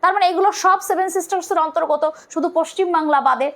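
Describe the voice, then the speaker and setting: A woman's voice: very high-pitched, quick pace. A young woman with a Bangladeshi Bengali accent giving an online exam-prep lecture, explaining step by step and asking and answering her own questions. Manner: colloquial, urges viewers to comment. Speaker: teacher.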